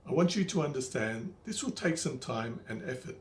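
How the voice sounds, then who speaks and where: An older man speaks at a medium pitch as a wise old mentor, teaching in a motivational monologue. He is plain-spoken and emphatic, restating points firmly. The room rings with echo and there is faint noise behind him. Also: expressive, moderate pace. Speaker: money coach, presenter. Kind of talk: motivational instructional monologue to the viewer.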